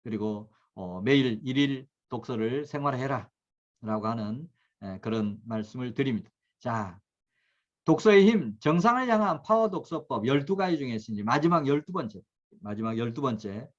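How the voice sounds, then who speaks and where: Brief: middle-aged man, self-help lecturer, mid pitch, earnest and steady, slightly dull recording. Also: moderate pace. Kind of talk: lecture to camera.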